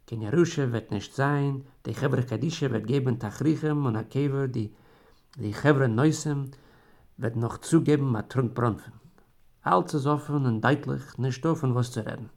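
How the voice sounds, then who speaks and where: Gravelly man reading a story dramatically. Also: medium pitch, moderate pace, darkish tone.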